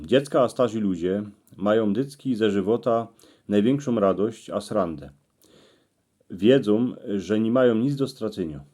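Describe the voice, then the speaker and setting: A man with a Cieszyn Silesian accent presenting a reflective, folksy monologue in regional dialect, told in a measured storytelling way. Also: fairly low pitch, mellow. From Cieszyn Silesia, Poland. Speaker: YouTube channel presenter.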